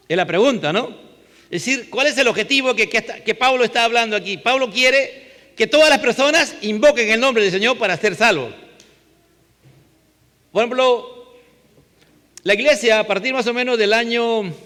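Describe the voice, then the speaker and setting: Peruvian male pastor, high bright voice, chatty sermon full of rhetorical questions, long church reverb. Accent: Peruvian Spanish. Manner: conversational, asks rhetorical questions with frequent tag "¿no?".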